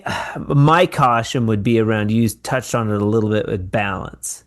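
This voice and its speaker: A man hosting a podcast in casual conversation, encouraging and thoughtful, with a halting delivery. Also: on the low side. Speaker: podcast host.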